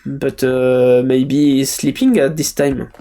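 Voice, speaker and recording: A man's voice: medium pitch, flat delivery, dark tone, voice pushed down. A man voicing a hesitant Frenchman who struggles through English with an exaggerated French accent, stopping on uh after nearly every word. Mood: bumbling. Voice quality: halting, full of uh fillers. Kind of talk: comic role-play on a live stream.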